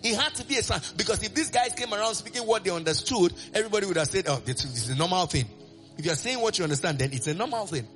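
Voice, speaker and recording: Bright-voiced preacher, sing-song. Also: male voice, high-pitched, racing, hardly any pauses, soft background music. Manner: animated, call-and-response, sing-song rises. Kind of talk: sermon.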